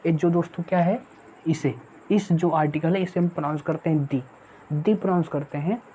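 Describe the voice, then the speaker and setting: Speaking in a lowish, mellow voice, a woman runs an online exam-preparation English class. She frequently repeats points, addresses viewers as friends, and poses questions only to answer them herself, all captured in dull lo-fi audio with faint noise.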